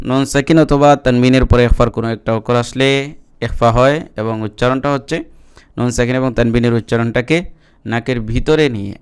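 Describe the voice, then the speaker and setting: A man teaching Quran reading, chanting verses slowly and then explaining the rules in quick Bengali. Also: medium pitch, clear, resonant tone. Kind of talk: spelling-out lesson with recitation.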